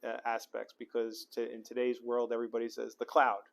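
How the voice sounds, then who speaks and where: A man's voice: mid-range voice, completely flat delivery, brisk, vocal fry. A middle-aged man hosting a podcast from an office, chatty and upbeat, with lots of fillers and restarts. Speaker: podcast host. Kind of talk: casual interview chat. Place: office in the city.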